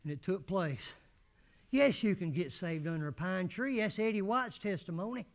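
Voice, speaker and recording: A man preaching a sermon in church, folksy and rising to shouted fervor. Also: sits high, normal speed. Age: 80s.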